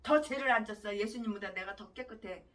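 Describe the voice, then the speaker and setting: A woman's voice: medium pitch, a little fast, fairly bright tone, recorded from a distance, voice pushed down, natural voice. A woman mimicking a smug, self-righteous male pastor who boasts of his innocence in a sing-song protest.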